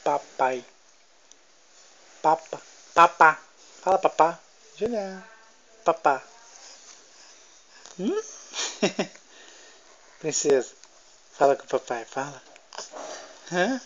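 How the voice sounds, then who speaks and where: A man's voice: fairly high pitch, expressive, drawn-out words, pauses often, fairly bright tone. A man coaxing his baby to talk, repeating words in a sing-song, teasing way at home. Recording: dull lo-fi home video.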